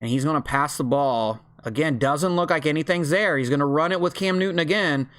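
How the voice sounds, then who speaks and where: Excitable man calling a football video game. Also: a little high, brisk. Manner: excitable, bursts into loud yells on big plays; chatty and informal, with fillers and slang. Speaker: league host and game commentator. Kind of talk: casual play-by-play commentary of a football video game. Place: at home, with family in the room above.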